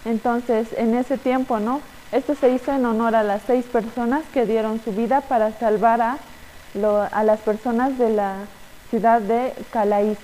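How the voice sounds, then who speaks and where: Woman, children's teacher, storytelling, halting with fillers, higher voice. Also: steady tone, warm tone, in a large hall, a little hiss or hum, low-quality recording. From Bolivia. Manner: halting, with many fillers and tag questions. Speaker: children's Sunday school teacher.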